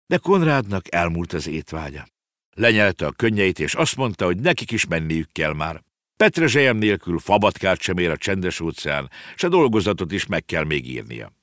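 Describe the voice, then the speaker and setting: A man reading a children's storybook aloud with expressive, animated narration. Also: low-pitched, no echo, clean studio sound.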